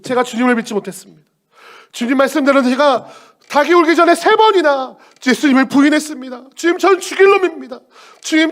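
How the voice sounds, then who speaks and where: A man's voice: extremely high pitch, fairly bright tone, voice pushed up. A man voicing a broken, remorseful disciple. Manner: pleading, self-reproaching confession.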